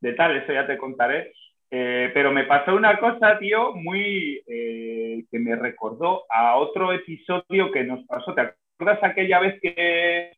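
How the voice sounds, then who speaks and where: A man's voice: on the high side, expressive, a little slow. A man chatting casually on a podcast, talking hesitantly with many restarts and fillers. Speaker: podcast co-host. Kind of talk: casual chat. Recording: echoey room over a tinny phone-like line.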